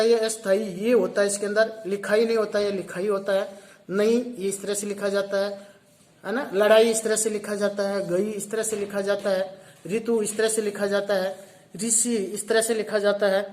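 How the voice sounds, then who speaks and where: A male teacher giving a recorded lesson to seventh graders. He explains each point step by step and repeats every word several times. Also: high voice. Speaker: school teacher.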